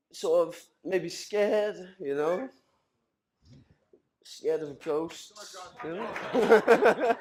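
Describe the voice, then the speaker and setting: A man's voice: high voice, a little mellow, echoey room. A man in his thirties giving a rambling, emotional best man speech after a few drinks. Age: 30s. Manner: rambling, emotional, laughing between lines. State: tipsy. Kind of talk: wedding speech. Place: wedding reception hall.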